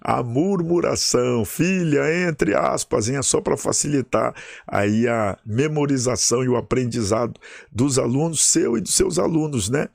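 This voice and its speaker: A man's voice: medium pitch, lively intonation, unhurried, gravelly, darkish tone, dry recording, studio quality. A man, a pastor teaching a Sunday school Bible lesson in an emphatic way, often checking in with his listeners.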